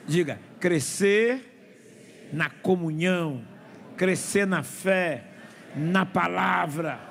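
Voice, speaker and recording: A man preaching a sermon as pastor, telling stories and calling for responses from the congregation. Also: high voice. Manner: animated storytelling with call-and-response. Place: church. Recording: echoey hall with faint noise.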